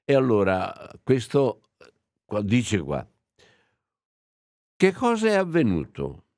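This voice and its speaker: A man, a priest, giving a homily and slowly reading an old text aloud, reflective and with small hesitations. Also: medium pitch, wildly swooping pitch, darkish tone, dry recording, clean studio sound.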